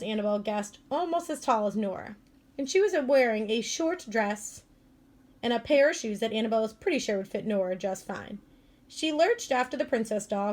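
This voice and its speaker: Woman schoolteacher, read-aloud narration of a kids' novel, clear and even, a touch high. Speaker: elementary school teacher. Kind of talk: reading a children's book aloud.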